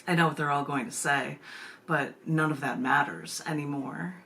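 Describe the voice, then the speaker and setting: A woman poet hosts a virtual open mic via live video stream, chatting informally, reading her poems aloud and wandering into giggly asides in the chat. Her voice sits low and creaky yet pushed and bright, with a steady tone at a normal speed.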